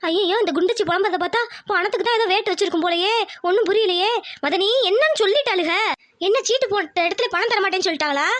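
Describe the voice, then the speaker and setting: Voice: extremely high pitch, quick pace. A performer voicing a nosy, nagging older village aunt in a cartoon. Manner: loud, nagging, money-minded. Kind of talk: cartoon voice acting.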